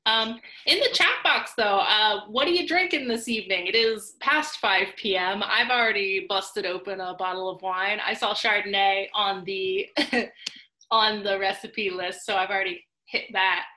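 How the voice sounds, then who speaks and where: A woman's voice: mid-range voice, moderate pace, bright, forceful tone, reverberant. A woman hosting a live online cooking class on a video call, chatty and upbeat with lots of fillers. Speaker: host.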